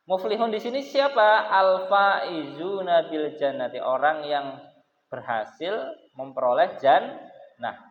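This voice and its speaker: A man's voice: fairly high pitch, lively intonation, slow. A man with an Indonesian accent teaching a Quran commentary lesson, explaining grammar and chanting Arabic phrases. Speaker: Islamic teacher. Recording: echoey hall, tinny phone-like audio.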